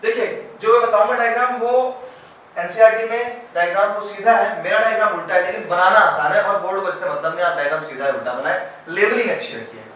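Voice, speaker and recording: A man teaching a biology lesson at a board. He explains step by step, asks his class if it is clear, and goes loud and then quiet as he draws. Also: high voice, fast talker, recorded from a distance. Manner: loud when explaining, quiet and trailing off while drawing. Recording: very echoey room, voice off-mic, faint background hiss.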